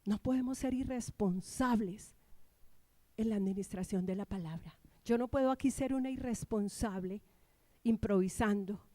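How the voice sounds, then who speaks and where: A woman's voice: mid-range voice, moderate pace, dark tone, no echo. A woman pastor from Colombia preaching an emphatic sermon in church, prompting the congregation to repeat after her.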